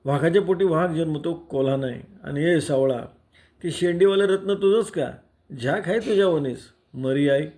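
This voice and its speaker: A man's voice: on the high side, moderate pace, warm tone, lightly acted. A man voicing a teasing old village man who jokes boisterously with the elders. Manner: bantering, boisterous.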